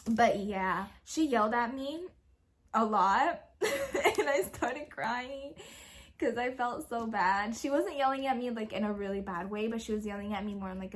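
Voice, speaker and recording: A young woman and parent telling a story in a casual question-and-answer video, chatty and quick to laugh. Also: medium pitch, a little hiss or hum. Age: young adult. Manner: giggly, laughs often while telling a story; chatty, full of fillers and quoted speech. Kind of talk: casual Q&A chat.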